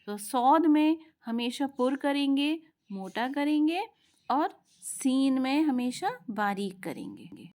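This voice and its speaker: A woman teaching tajweed, patiently explaining letter sounds and drawing them out in slow practice drills. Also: sits high, sing-song, warm tone. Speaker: Quran recitation teacher. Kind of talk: tajweed lesson.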